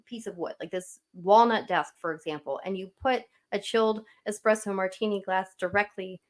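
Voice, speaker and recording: A woman with a South Jersey accent chatting casually on a podcast about her husband's hobby, playful and quick to laugh. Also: medium pitch, fairly even intonation. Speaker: podcast guest, host's wife. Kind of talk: casual chat.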